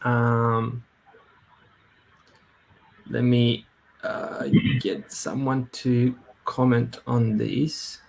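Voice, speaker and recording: Slow, halting male webinar host. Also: medium pitch, fairly even intonation, creaky. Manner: hesitant, many fillers and restarts. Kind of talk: casual live-stream talk. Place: Brisbane.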